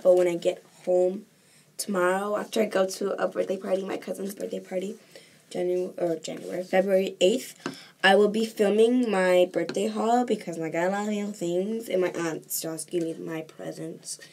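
A woman's voice: mid-range voice, steady tone, moderate pace, darkish tone. A teenage girl chatting casually to camera in a home vlog, rambling with lots of fillers. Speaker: vlogger. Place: home bedroom. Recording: noisy home recording, dogs barking. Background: dogs barking.

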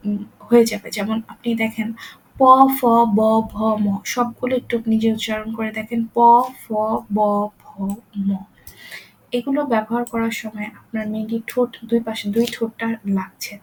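Woman teaching in an even voice. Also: a little high, a little hiss or hum, low-quality recording. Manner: plain, steady explaining with fillers. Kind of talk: grammar lesson.

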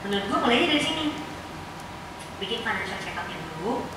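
A woman from Indonesia giving a lively, slangy, jokey talk on personal finance to an audience. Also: fast. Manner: chatty, slangy, jokey, mimics relatives in shrill voices. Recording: echoey hall, voice from far off, noisy.

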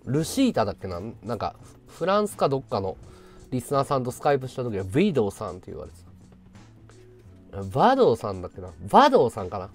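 A man in his thirties hosting a casual livestream, thanking viewers in excitable, loud bursts. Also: medium pitch, fast, soft background music. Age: 30s. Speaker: livestream host.

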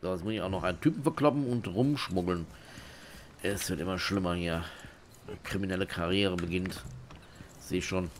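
A man's voice: low voice, moderate pace, long pauses, slight background noise. A man giving casual let's play commentary, with dry, joking asides to his viewers.

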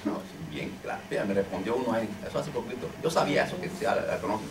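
A man's voice: on the low side, expressive, fast, a crowd in the background. A man, a deliverance minister, teaching a small group informally, repeating himself and checking in with "ok?" and "understand?". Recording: echoey room, distant mic, noisy.

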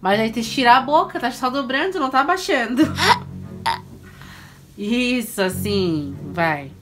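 A woman's voice: fairly high pitch, expressive, a little slow. A woman in her thirties, a mother filming her daughter at home from behind the camera, chatty and instructive as she coaxes the child and talks to viewers. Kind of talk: casual family vlog talk to viewers. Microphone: camera mic, speaking from behind the camera. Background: background music.

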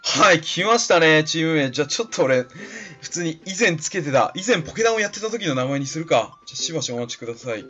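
Animated, chatty man commentating a game. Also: on the high side, quick pace, hardly any pauses. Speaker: let's play commentator. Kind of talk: casual gameplay commentary. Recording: slightly dull lo-fi recording with faint game music.

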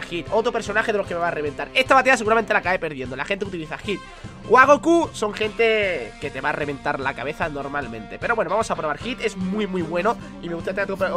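A young Spanish-accented man gives rapid, high-pitched play-by-play of his own match, his voice leaping all over the place. He counts out button combos and swears loudly whenever he slips up. Faint music plays underneath. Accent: Spain Spanish. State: ill with a cough. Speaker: gaming YouTuber. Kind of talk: live gameplay commentary.

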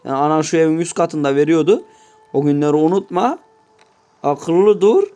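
A man's voice: fairly high pitch, moderate pace, dark tone. A man giving casual gameplay commentary, swearing constantly and grumbling to his viewers in mock-offended asides. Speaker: gameplay YouTuber.

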